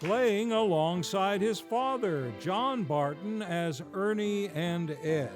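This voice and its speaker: Faint music plays as the host and announcer of a live, vintage-style radio show speaks from a theater stage. He has a high voice with lively intonation, moving at a slow pace in a grand, theatrical announcer style with careful enunciation.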